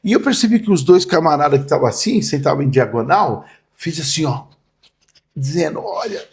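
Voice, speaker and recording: A man's voice: fairly high pitch, animated, a little fast. A man, a pastor vividly telling stories in a podcast interview. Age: 60s. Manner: vivid storyteller, acts out quoted voices.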